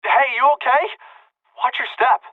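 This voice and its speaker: Bossy young guide on a radio link, tinny filtered voice, impatient. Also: male voice, extremely high pitch, dry recording. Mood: instructing. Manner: brisk, commanding, impatient. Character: brusque young man guiding over a comm link. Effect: radio comm filter. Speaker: video game character. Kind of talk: game voice acting.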